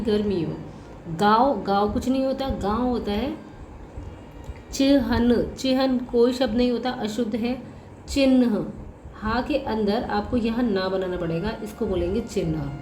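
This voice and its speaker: A woman's voice: on the high side, a little fast, hardly any pauses, mellow, slight background noise. A woman college professor giving a spelling lesson, patiently working through correct and incorrect words and repeating each one. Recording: echoey room with faint music.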